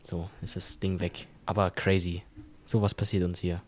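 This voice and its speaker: A man's voice: sits low, little pitch movement, moderate pace. Slightly tipsy young man, teasing. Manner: teasing, lots of exclamations. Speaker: podcast co-host. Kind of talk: casual chat.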